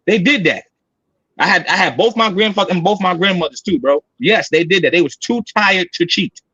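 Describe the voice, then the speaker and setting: A man's voice: sits high, brisk, pushed and bright, husky, no room sound, lo-fi sound. A man in his thirties arguing his point on a podcast, insistent and repeating himself to cut others off. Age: 30s. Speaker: podcast panelist. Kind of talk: heated debate.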